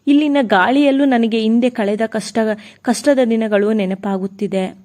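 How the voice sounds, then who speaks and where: A woman's voice: on the high side, fairly even intonation, unhurried, a little mellow, natural voice. A woman voicing a frightened young wife in a storybook tale, speaking tearfully while crying. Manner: tearful, pleading.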